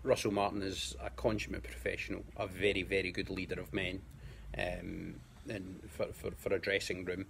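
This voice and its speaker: A man with a Scottish accent, a guest pundit in a casual football chat, talking in a measured way and repeating words as he finds his point. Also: low voice, little pitch movement, gravelly, a bit bright, slight background noise.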